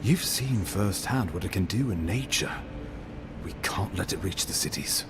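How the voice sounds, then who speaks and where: An actor playing an earnest, courteous imperial ambassador in a video game, speaking in a formal, eloquent and measured manner. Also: male voice, low-pitched, expressive, music in the background. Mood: grave. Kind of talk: dramatic video game dialogue.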